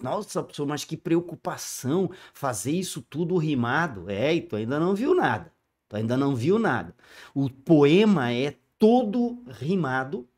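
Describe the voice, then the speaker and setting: Male teacher, informal exam-review lesson, slow deliberate delivery, voices student questions himself. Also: on the high side. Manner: spells out rhyme letters slowly, one by one.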